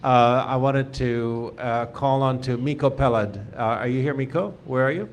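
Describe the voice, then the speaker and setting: A man hosting the event, introducing a speaker slowly and haltingly with many pauses. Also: mid-range voice, a little hiss or hum. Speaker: host, moderator.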